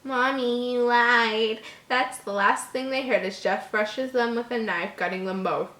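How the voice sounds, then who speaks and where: She reads the horror story at a moderate pace in a mid-range, slightly bright voice, tripping on words and pausing for amused asides that show her disbelief. The audio is an echoey home recording with a roomy feel.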